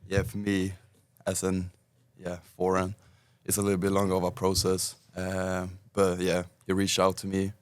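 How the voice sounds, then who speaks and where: Very deep, flat-voiced Swedish young man. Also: moderate pace, smooth, dry recording. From Sweden. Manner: relaxed, hesitant phrasing with many fillers. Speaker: guest soccer player. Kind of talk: casual interview answers.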